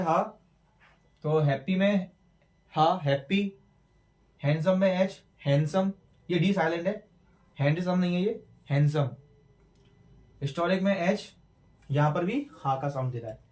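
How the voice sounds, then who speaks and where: A man teaching English letter sounds, slowly repeating words as drills. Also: sits high, distant mic. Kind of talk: classroom lesson explaining at a board. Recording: roomy echo, mic away from speaker.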